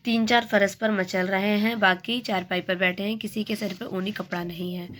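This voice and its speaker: A woman teacher slowly reading a textbook play aloud for her class. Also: mid-range voice. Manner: slow, even, plain reading.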